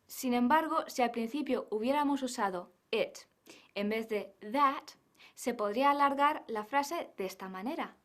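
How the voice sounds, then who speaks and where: Female English teacher, slightly high voice, slow scripted lesson delivery. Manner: slow, careful, models English phrases.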